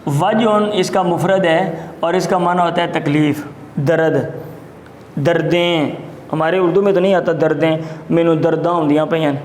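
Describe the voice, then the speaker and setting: A male teacher gives a classroom lecture. He explains vocabulary term by term, repeating each word slowly. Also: on the high side, steady tone, a little mellow, reverberant, a little hiss or hum. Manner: explains words slowly, repeating terms, mixes in Punjabi asides.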